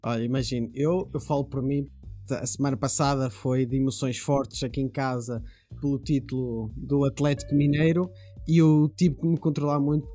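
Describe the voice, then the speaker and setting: A man's voice: medium pitch, flat delivery, moderate pace, dark tone, faint music behind. A man hosting a casual football podcast with a playful, wordy way of presenting. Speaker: podcast host.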